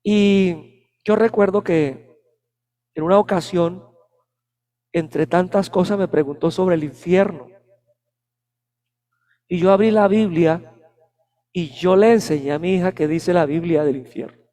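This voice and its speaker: A man's voice: high voice, unhurried, pauses often, mellow. A male pastor preaching a sermon, telling personal stories in a dramatic, storytelling manner.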